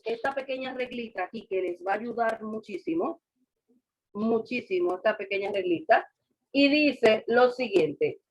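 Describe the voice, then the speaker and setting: A woman teaching a class over a video call, patiently repeating examples and quizzing her students. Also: on the high side. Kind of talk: online class lecture.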